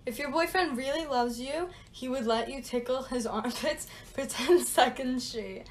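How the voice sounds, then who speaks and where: A woman's voice: high voice, measured pace. A young woman talking in a playful, casual way for a challenge video, giggly and teasing.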